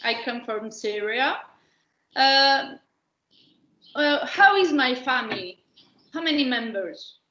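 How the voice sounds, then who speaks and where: A woman with a Greek accent leading a webinar activity, asking slow guiding questions. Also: sits high, lively intonation, sharp tone, a little hiss or hum. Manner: slow, questioning, speaks as a child role in first person. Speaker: workshop presenter. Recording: roomy lo-fi online call audio.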